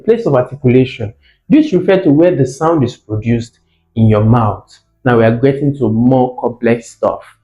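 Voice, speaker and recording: With a mellow, mid-range voice, a man lectures didactically, asking questions and repeating important words for emphasis. The room sounds echoey and muffled, and soft music can be heard behind him.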